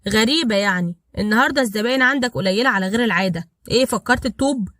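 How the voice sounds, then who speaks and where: A woman's voice: fairly high pitch, lively intonation, racing, fairly bright tone, no echo, clean studio sound. A woman voicing a tough, fearless male mafia smuggler with an Egyptian accent, cool and blunt. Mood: defiant. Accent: Egyptian Arabic.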